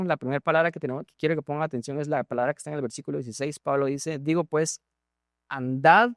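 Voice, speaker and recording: A Guatemalan pastor preaches to his congregation, throwing questions at the listeners and doubling back on his words as he goes. His voice sits a little high for a man. The sound is dry and close, with little room echo. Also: a bit bright. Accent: Guatemalan Spanish. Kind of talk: sermon. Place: church.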